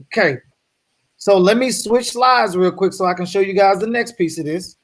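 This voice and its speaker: Man, high voice, energetic slide presenter, frequent check-ins, video call audio. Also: normal speed. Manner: energetic, checks in with "right?" often. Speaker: guest speaker on wealth building. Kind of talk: slide presentation to an online audience.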